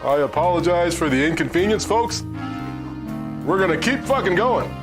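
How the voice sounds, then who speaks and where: A man's voice: sits high, animated, moderate pace. A man presenting a mock weathercast, flustered, easily sidetracked and swearing as he ad-libs. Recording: music playing behind the voice.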